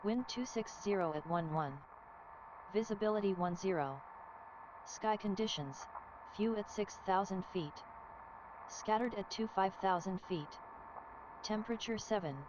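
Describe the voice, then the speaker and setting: A woman reading an airport weather broadcast over aircraft radio, in a clipped, measured delivery of numbers and codes. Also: on the low side. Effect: automated airport weather broadcast over aircraft radio. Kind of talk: recorded terminal information broadcast. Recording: muffled radio audio with loud hiss.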